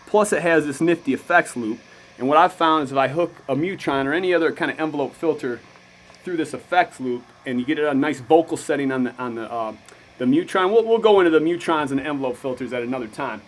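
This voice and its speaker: An American musician presenting his band's vlog gives an informal gear demo, talking in a slangy, laid-back way. His voice is fairly high and his pace quick.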